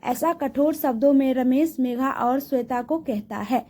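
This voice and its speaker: A woman narrating a romantic story in a plain, unhurried reading manner. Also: sits high, mellow.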